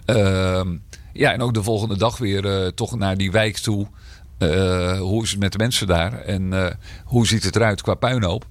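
Low-voiced mayor with a slight cold. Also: male voice, steady tone, moderate pace, no room sound. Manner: hesitant, many fillers and restarts. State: slight cold, rough throat. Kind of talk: podcast interview.

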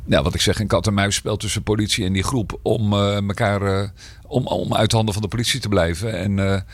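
In a podcast interview, a man who is mayor speaks a little fast in a lowish voice with fairly even intonation, and there's no room sound. He has a slight cold and a rough throat, and his answers are hesitant, full of fillers and restarts.

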